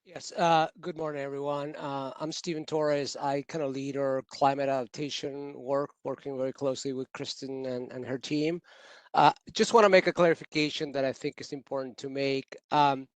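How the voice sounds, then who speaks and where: A man who leads utility climate adaptation work, giving measured, technical explanations on a video call with frequent restarts. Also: mid-range voice, little pitch movement, no room sound. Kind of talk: virtual workshop remarks.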